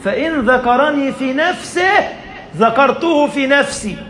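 A man with an Egyptian accent preaching a sermon in a mosque, lively and emphatic, speeding up and slowing down for effect. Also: very high voice, echoey room, some chatter behind. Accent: Egyptian Arabic. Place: mosque hall.

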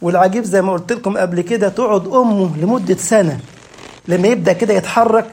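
A man with an Egyptian Arabic accent preaching a sermon, telling lively stories and acting out the voices of the people he quotes. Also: high voice, fast talker, slightly rough.

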